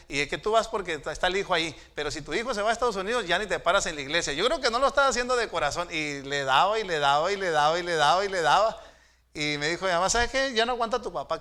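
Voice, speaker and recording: A middle-aged man from Mexico preaching a sermon in a church, telling stories and swinging from hushed asides to raised exhortations. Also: fairly high pitch. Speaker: pastor. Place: church sanctuary.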